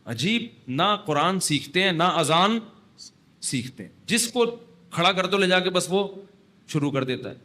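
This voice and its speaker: A man delivers a religious talk with a slightly high-pitched voice. He sounds relaxed and anecdotal, moving easily into dry humor and firm scolding. He acts out sung phrases by stretching the words. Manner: chatty and wry, acting out the call to prayer by stretching words. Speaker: Islamic scholar giving a talk. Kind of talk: conversational religious lecture in Urdu.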